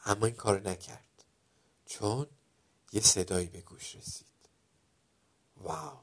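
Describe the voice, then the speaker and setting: A man narrating a children's story dramatically, dropping to a hush at some moments and getting loud at others. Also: lowish voice. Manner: dramatic, loudness swinging from hushed to loud.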